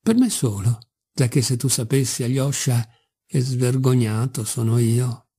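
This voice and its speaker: Man reading a boozy, wicked, sentimental old father; low, husky, rambling and wheedling. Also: measured pace, mellow. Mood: mocking. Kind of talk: audiobook character reading.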